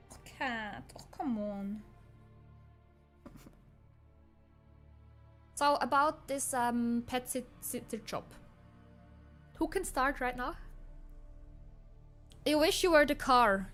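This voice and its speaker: A man's voice: extremely high pitch, bright, forceful tone, full character voice. A man speaking through a voice changer that makes him sound female, playing a teasing, sarcastic AI avatar who chats casually with viewers. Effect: voice changer making a man sound female. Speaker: streamer. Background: faint game soundtrack music.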